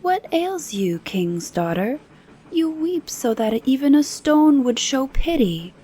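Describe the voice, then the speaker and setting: An earnest storybook frog, acted out by a woman, bargains and pleads in formal fairy-tale speech. The delivery is slow and unhurried, with some background noise. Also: sits high, big pitch swings, mellow, pitched above the performer's own voice, heavily acted. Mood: pitying. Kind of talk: bedtime fairy-tale reading.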